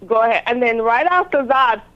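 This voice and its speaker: A woman's voice: on the high side, expressive, a little fast, highs cut off. A woman talking conversationally as an interview guest about her own work. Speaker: interview guest, self-published author.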